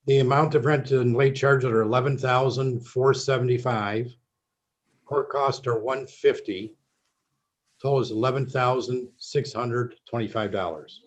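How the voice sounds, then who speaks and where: A man's voice: mid-range voice, fairly even intonation, unhurried. A man speaking as an attorney over a video call in a virtual court hearing, firm and matter-of-fact. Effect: heard over a video call. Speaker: attorney for the plaintiff. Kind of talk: formal legal argument in a virtual court hearing. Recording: dull lo-fi video call audio with faint noise.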